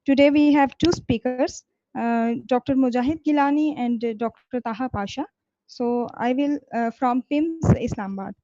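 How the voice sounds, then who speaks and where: A woman with a Pakistani accent hosting an online meeting, introducing speakers formally and haltingly over a video call. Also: high voice, warm tone, no room sound. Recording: dull, lo-fi video call audio.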